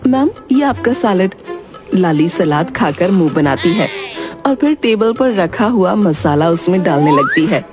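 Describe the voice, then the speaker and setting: A woman narrating a cartoon story in an even storytelling delivery, with background music. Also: lowish voice, unhurried.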